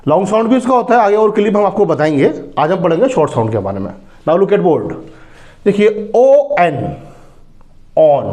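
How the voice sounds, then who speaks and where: A man teaches sounds at a board. His voice sits high for a man and swings widely in pitch, and he draws out each letter and sound at a slow, deliberate pace. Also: a little mellow. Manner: slow, drawn-out spelling of letters and sounds, rhetorical questions to students. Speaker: English teacher. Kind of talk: classroom phonics lesson at a board.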